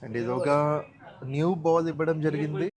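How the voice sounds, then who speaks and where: A man's voice: fairly high pitch, brisk. A man with a Telugu accent giving live cricket commentary, mixing in English phrases. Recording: crowd noise behind the voice. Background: crowd at a cricket ground.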